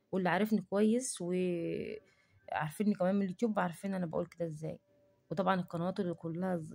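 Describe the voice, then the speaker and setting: A woman's voice: on the low side, vocal fry, darkish tone. A woman with an Egyptian Arabic accent, talking to camera in a casual cooking vlog and defending herself in an indignant rant. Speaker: cooking vlogger.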